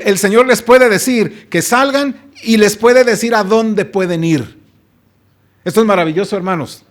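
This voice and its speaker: A man preaching a sermon as pastor, emphatic, often asking his listeners rhetorical questions and calling them beloved brothers. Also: sits high.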